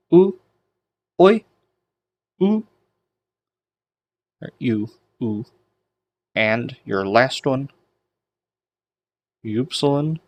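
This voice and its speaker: A man teaching a recorded lesson, drawing out vowel sounds slowly with self-deprecating asides. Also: medium pitch. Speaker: Greek teacher.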